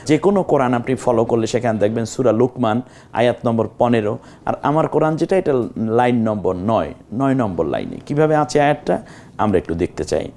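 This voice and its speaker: A man teaching Quran recitation step by step, patiently repeating words and breaking into drawn-out melodic chanting of the verses. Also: mid-range voice, animated, dark tone. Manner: drawn-out melodic chanting of Arabic verses between plain explanations. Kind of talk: slow step-by-step recitation lesson.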